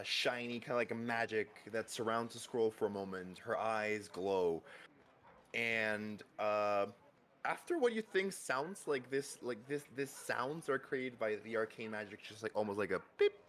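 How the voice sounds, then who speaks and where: A man's voice: on the low side, unhurried, fairly bright tone. A man narrating a tabletop game as game master, rambling with many fillers and restarts.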